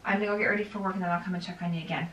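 A woman's voice: lowish voice, fairly even intonation, rapid-fire, a bit bright, muffled recording, slight background noise. A middle-aged American woman chatting casually as a mother at home in a bedroom. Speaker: mother of the vlogger. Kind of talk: casual family chat.

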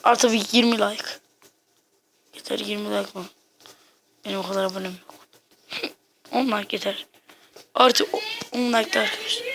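A woman giving casual, excitable gameplay commentary, talking to herself and her viewers in slangy bursts. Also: mid-range voice, creaky, noisy background. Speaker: gaming video maker.

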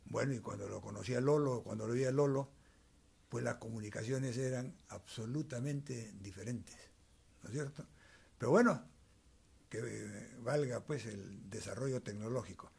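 In a cramped, cluttered room, an elderly man from Peru recalls the old days into a wired handheld mic held by his interviewer. His medium-pitched voice sounds creaky, darkish and slightly rough. He speaks measuredly, like a storyteller, slipping asides into what he says.

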